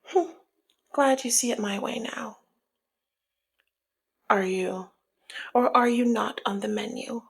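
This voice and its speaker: Heavily acting the part, a woman plays a flirty, dominant, teasing female mob boss in an intimate ASMR roleplay of one-sided dialogue. Her slightly high voice is breathy and husky, often dropping to a near-whisper, and her mood is sultry and probing, with slow, playful taunting.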